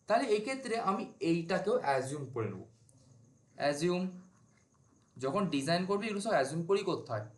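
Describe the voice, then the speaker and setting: A man's voice: a little high, big pitch swings, a little fast, pauses often. Man lecturing in an echoey room. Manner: informal, asks and answers his own questions. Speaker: civil engineering teacher. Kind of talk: whiteboard lecture.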